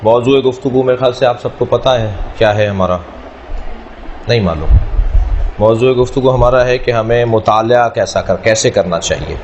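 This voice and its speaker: A man teaching a class, speaking in a measured way, repeating key words and explaining through everyday analogies. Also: medium pitch, darkish tone, dull audio, slight background noise. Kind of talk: classroom lecture.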